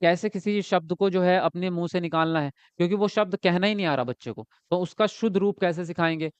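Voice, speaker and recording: High-voiced man teaching an exam-prep lesson. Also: a little fast, clear, resonant tone, no echo. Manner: explains by asking and answering himself; ends points with a checking tag.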